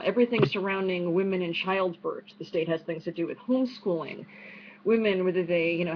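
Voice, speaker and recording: A woman with a New York accent answering audience questions online in a quick, chatty way, full of fillers and restarts. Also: fairly low pitch. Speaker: speaker at an online unconference. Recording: dull lo-fi stream with faint noise.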